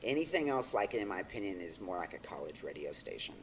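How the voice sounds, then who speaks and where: A man's voice: deep voice, very animated, fast talker, a little hiss or hum. A man in his thirties from Texas with a faint Texan accent, a record label guest rambling casually with many fillers and restarts. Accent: Texan, mostly faded. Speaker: guest, record label owner and artist manager. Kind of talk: casual podcast chat.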